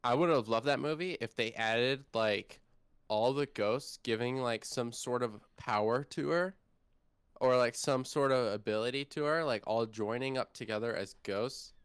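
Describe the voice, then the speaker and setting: Smooth-voiced young man chatting excitedly. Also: medium pitch, normal speed, dry recording. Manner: excitable, filler-heavy, says "like" often. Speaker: podcast co-host. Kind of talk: casual chat.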